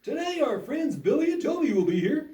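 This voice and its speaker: A man's voice: extremely high pitch, sing-song, fairly quick, mellow. A man hosting a children's puppet show as a pastor, giving an earnest, upbeat lesson like a school lecture. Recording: roomy echo, distant mic.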